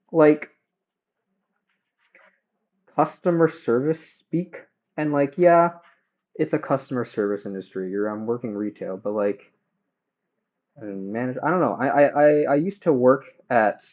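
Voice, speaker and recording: A young man chatting casually and haltingly while cooking at home, livestreaming through headphones used as a mic. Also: mid-range voice, phone-quality sound. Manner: hesitant, halting, self-questioning. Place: home kitchen. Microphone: headphones used as a phone mic.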